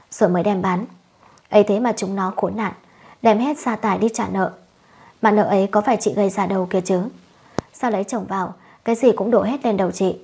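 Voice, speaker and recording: A woman's voice: medium pitch, darkish tone, husky. A woman narrating a village story, told vividly and with feeling.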